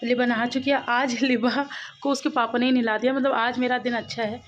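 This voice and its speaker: A woman in her thirties, a mother chatting quickly and warmly with viewers while cooking in her home kitchen. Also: a little high, little pitch movement, dull audio. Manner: fast, talkative, laughing asides. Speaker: vlogger, mother. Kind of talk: casual chatty home vlog.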